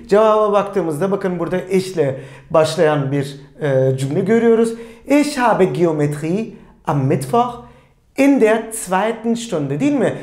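Lively teacher in an echoey room. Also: medium pitch. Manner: asks the viewers rhetorical questions and answers them, calling them friends; says German example sentences slowly and clearly. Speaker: German language teacher. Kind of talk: online language lesson.

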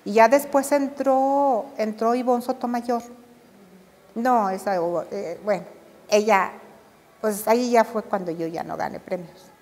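A Mexican woman, an older embroidery artisan, telling her memories in an interview with animated storytelling and acted-out dialogue. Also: fairly high pitch, a little slow, big-room sound. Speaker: embroidery and drawn-thread artisan. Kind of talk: reminiscing interview.

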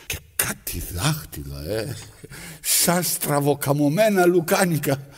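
A man's slightly high voice with huge pitch swings carries this theatrical monologue. Playing a lonely, aging man mending his trousers, the actor rambles at himself and his needle, coaxing it and then scolding it.

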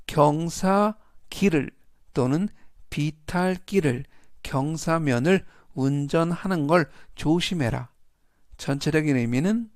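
A man teaching English vocabulary, reading each word and example sentence in slow, deliberate steps. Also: a little high, a little mellow, dry recording, clean studio sound. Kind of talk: scripted vocabulary lesson.

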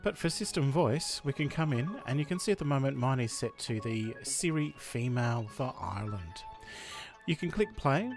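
A man from Australia talks through a screen-recorded software tutorial at a middle pitch. His delivery is chatty and walks through each step. Faint music plays underneath. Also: animated, normal speed. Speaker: tutorial host.

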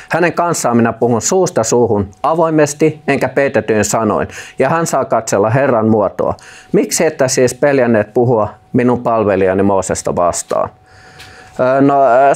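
A man preaching a sermon in an informal, direct way, with many hesitation fillers. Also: mid-range voice. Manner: lively rising and falling delivery with frequent hesitation fillers; informal speech, addresses listener directly.

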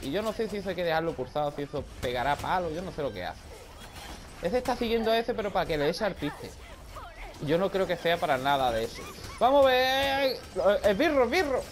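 A man with a Spain Spanish accent giving loud, excitable live gameplay commentary, often shouting and swearing. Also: sits high, fairly quick, background noise. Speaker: gaming video creator.

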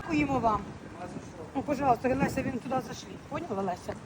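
A high-voiced woman talks quickly and affectionately to her followers as she walks. She films on her phone, with loud street noise all around. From Ukraine. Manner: chatty, affectionate, mixes Ukrainian and Russian words. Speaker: vlogger. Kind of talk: walking vlog to followers. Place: outdoors on city streets, then in a clinic hallway.

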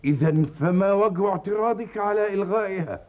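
An actor playing a stern, commanding ruler who questions imperiously in a period drama. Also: male voice, sits high, a little fast, a little mellow, lo-fi sound, natural voice.

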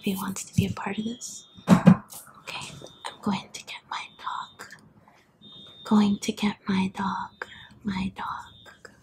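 A soft spoken woman in her twenties whispering ASMR close to the mic in a hotel room. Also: medium pitch, flat delivery, takes it slowly, long pauses, low-quality recording. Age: 20s. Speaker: beginner ASMR video maker. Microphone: close to camera or laptop, leaning in.

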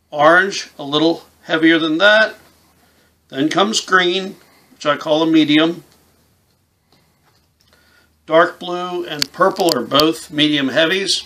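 The voice here is fairly high, pushed and bright, belonging to a man in his fifties who instructs and makes game calls. He talks through a casual, plain-spoken tutorial step by step from a small indoor room set against a camouflage backdrop.

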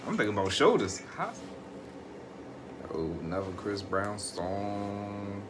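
A man in playful, slangy, excitable banter during a casual vlog game, with music playing over his voice. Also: fairly low pitch, takes it slowly, very noisy.

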